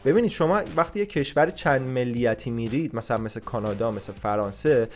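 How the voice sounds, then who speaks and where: A man's voice: medium pitch, faint music behind. Blunt, scolding man giving advice. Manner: blunt and forceful, scolds and swears at the listener. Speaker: vlogger giving immigration advice. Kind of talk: casual advice monologue.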